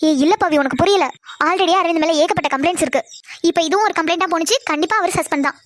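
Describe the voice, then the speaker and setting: A woman voicing a cheerful young college girl in a cartoon drama, chatting with friends and worrying about her boyfriend. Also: very high voice. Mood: lively. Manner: lively, worried, hurried.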